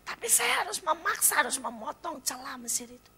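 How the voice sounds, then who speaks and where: A woman evangelist with an Indonesian accent preaching a blunt church sermon, dropping to hushed near-whispers and then rising to loud exclaims. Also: sits high, very animated, fairly quick, slight background noise. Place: church service.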